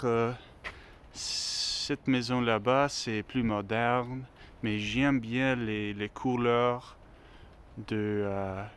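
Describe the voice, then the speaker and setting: A man who speaks English natively, talking slowly in learner French while vlogging on a phone as he walks outside, hesitant with many fillers and restarts. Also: medium pitch. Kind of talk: casual walking vlog. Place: outdoors on a street. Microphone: phone held while walking. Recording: faint outdoor street noise. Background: street ambience, passing vehicles.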